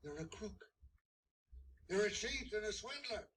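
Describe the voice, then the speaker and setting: Man doing indignant old grandpa, sharp high voice, accusing, silly film redub, far-off noisy recording. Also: expressive, a little slow. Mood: outraged. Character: outraged old grandfather defending a disappointed boy. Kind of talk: silly amateur fandub of a film scene. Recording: noisy, quiet, far from the mic.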